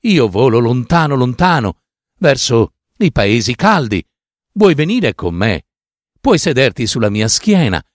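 A man's voice: mid-range voice, sing-song, unhurried, no echo, clean studio sound. A man voicing a kind, motherly female swallow in a fairy tale, with a reassuring delivery.

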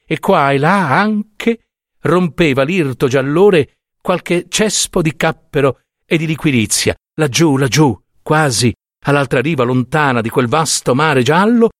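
A man reading a literary short story aloud, measured and expressive. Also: mid-range voice, dry recording, clean studio sound. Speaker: reader. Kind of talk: literary audiobook narration.

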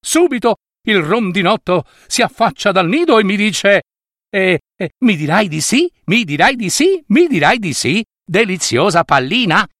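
A man's voice: high-pitched, sing-song, normal speed, a bit bright, no echo, studio quality, pitched above the performer's own voice, full character voice. A man voicing a polite, slightly prim little princess ball in a storybook.

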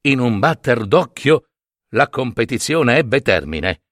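A man narrating a myth as a storyteller, lively and theatrical, giving each character a voice. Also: medium pitch, slow, no echo, studio quality.

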